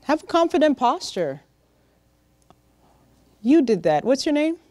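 A middle-aged woman giving a lively, direct motivational talk to young interns in a large conference room, speaking into a handheld microphone. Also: high-pitched, measured pace, dry recording. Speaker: workshop speaker. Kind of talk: motivational professional-development talk.

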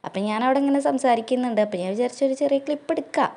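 A woman's voice: high-pitched, rapid-fire, a little mellow. A young woman from Kerala with a Malappuram Malayalam accent, narrating her home vlog in a chatty way and tagging her sentences with a friendly "tto". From Kerala, India. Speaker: vlogger.

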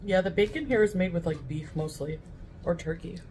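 A woman's voice: lowish voice, brisk, a little mellow. A young adult woman talking casually to camera while eating, often chewing as she speaks with her mouth full. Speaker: mukbang vlogger. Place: furnished living room, indoors. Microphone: camera at table distance. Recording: faint room noise, home recording.

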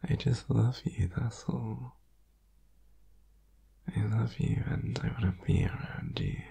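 A man playing a needy, sleepy, affectionate boyfriend in an ASMR whispered role-play, tender and clingy, with a husky, creaky whisper. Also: fairly low pitch, dark tone, heavily acted. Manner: slow, tender, clingy, soothing. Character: needy, sleepy, affectionate boyfriend cuddling his partner in bed.

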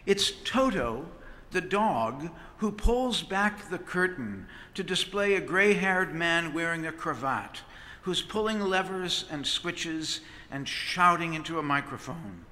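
Here a middle-aged priest, at the pulpit with a stand microphone, gives a sermon in a high and bright voice. He takes his time, preaching with measured rhythm, expressive feeling, and wide sweeping gestures. The large stone church stretches each phrase into a lingering reverb.

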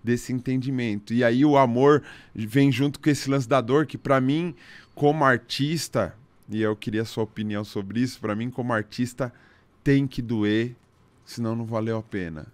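A man with a Brazilian Portuguese accent hosting a casual podcast interview, talking in a slangy, halting way full of restarts. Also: mid-range voice, no echo. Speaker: podcast host.

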